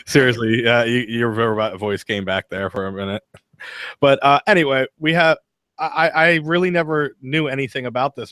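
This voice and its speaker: A man's voice: medium pitch, a bit bright, no echo, clean studio sound. A man hosting an online call-in radio show, chatting casually and tripping over his words, laughing at his own slips. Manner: easygoing, stumbling, laughing at himself. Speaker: podcast host.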